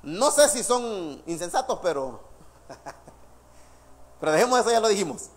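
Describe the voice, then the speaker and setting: A male pastor preaching a sermon, lively and laughing between points, quizzing the congregation with questions. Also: high voice, a little slow.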